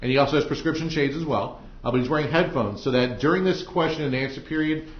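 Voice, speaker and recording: Speaking fast at a medium pitch, this American judge explains procedure to jurors during jury selection in a semi-formal way, hesitating with many ums and uhs. The indoor courtroom audio comes from ceiling room microphones and sounds dull, echoey and muffled.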